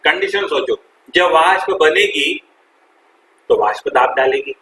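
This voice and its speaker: A male teacher lectures in a bright, forceful voice, firing questions at the class and echoing back their answers. His voice rings around an echoey classroom with a faint hiss beneath it. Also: a little high, a little slow. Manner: quizzes students and repeats their answers, calls them "beta". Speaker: chemistry teacher. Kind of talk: classroom lecture with call-and-response.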